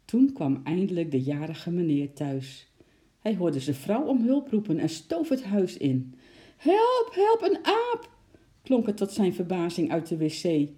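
A storyteller reads a children's book aloud with a very dark, mellow tone. The reading is lively and expressive, and it plays up the sound words. It is a warm, plain read-aloud. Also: medium pitch, moderate pace.

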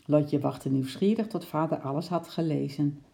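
Brief: storybook narrator, steady measured reading, mellow tone with vocal fry. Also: mid-range voice. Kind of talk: reading a children's book aloud.

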